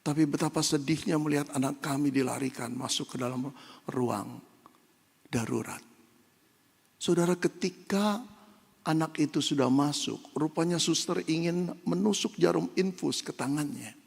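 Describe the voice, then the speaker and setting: A man's voice: a little high, moderate pace, gravelly, slightly rough. A man, a pastor, preaching a sermon, telling a story and building to fervent exhortation. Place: church hall. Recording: long church reverb.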